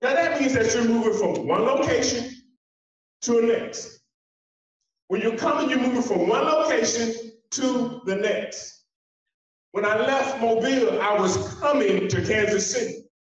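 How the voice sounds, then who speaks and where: A man in his forties giving a motivational keynote speech on a conference hall stage, walking about as he talks and using emphatic, repetitive phrasing with dramatic pauses. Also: very high-pitched. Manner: walks the stage while speaking. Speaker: keynote speaker. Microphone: handheld mic heard through a distant camera. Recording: echoey hall from far off, dull sound.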